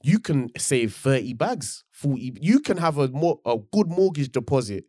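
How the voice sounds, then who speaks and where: A man's voice: medium pitch, big pitch swings, normal speed, warm tone, no room sound, studio quality. A man with a London accent chatting casually in roadman street slang, making his case persuasively and repeating phrases for emphasis. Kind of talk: casual chat.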